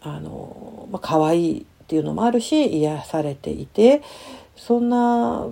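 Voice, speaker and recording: A middle-aged woman counselor shares a personal story in a soft, hesitant way, using lots of fillers and lively sound words. Her voice is fairly low and gravelly, and she speaks a little slowly.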